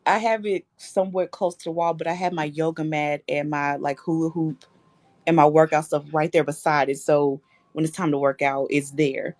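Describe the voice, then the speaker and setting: Woman, casual chat, playful teasing, lowish voice, dry close sound. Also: flat delivery, normal speed, darkish tone, no echo. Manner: playful teasing, laughs often.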